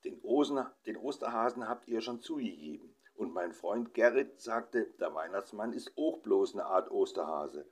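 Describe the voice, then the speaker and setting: A man's voice: fairly low pitch, expressive, normal speed, few pauses, voice pushed up. A man voicing a cheeky nine-year-old boy with a Berlin accent who whines and insists. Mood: insistent. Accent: Berlin dialect. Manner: whiny, insistent.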